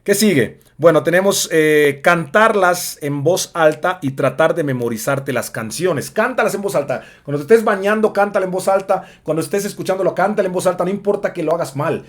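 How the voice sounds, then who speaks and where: A man's voice: sits high, a little fast, few pauses. Chatty man teaching English. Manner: chatty, lots of fillers, sings snippets. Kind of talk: casual spoken lesson.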